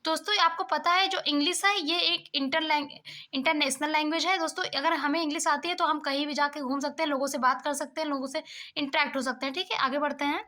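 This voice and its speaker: A young woman teaching exam-prep English, reading questions out slowly and then explaining them briskly to her viewers. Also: high-pitched, steady tone, pushed and bright.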